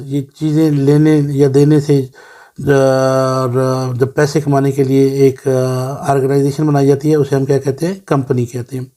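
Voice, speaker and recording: A man with a Pakistani accent teaching a lesson to children, slowly and patiently reading out English definitions word by word. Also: a little high, mellow. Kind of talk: classroom lesson explaining to children.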